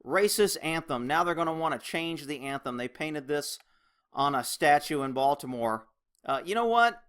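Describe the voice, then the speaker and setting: A man with a high-pitched voice rants through news commentary as the host of his own show. His delivery is heavy with sarcasm. He sounds exasperated and indignant about what he reports. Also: expressive, moderate pace, fairly bright tone, smooth. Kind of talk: opinionated news commentary rant.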